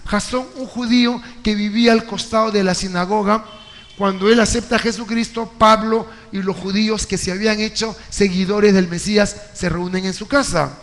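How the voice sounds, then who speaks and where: Male pastor with a high voice, preaching in a lively storytelling way, recorded live in a hall with long reverb. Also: moderate pace. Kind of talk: sermon. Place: church hall.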